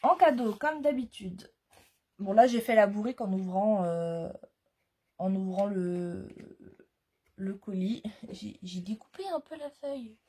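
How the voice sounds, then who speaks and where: A woman talks through a crafting haul in an easy, unhurried chat. Her voice is mellow and slightly husky, and she pauses often on fillers as she goes. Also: medium pitch, expressive. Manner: chatty, hesitant with frequent fillers. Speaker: scrapbooking vlogger. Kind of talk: casual product haul chat.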